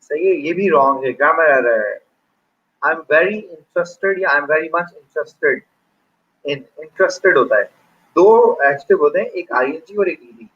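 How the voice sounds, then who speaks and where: Male teacher, husky and fairly high voice, dull lo-fi call audio. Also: lively intonation, a bit bright. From Pakistan. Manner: explains in Hindi-Urdu, reads English examples slowly. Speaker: English teacher. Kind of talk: online grammar lecture. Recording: dull lo-fi online class audio.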